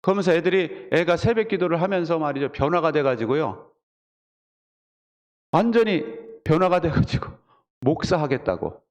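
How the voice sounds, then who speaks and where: A male pastor preaching a Sunday sermon, telling stories with lively acted-out quotes. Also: a little high, normal speed. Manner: animated storytelling with acted quotes. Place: church sanctuary. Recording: long church hall reverb.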